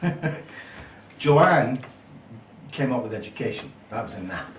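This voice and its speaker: A man arguing politics as a guest on a casual panel, animated and insistent. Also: medium pitch, normal speed, a crowd in the background. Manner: argumentative, animated. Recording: roomy, mic at a distance, faint hiss.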